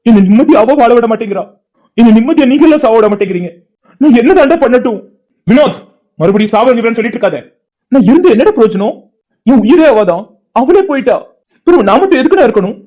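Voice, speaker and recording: A woman's voice: a little high, expressive, fast talker, pauses often, mellow. A woman voicing a heartbroken young man in a cartoon, speaking in anguish and guilt. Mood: despairing. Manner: anguished, pleading speech.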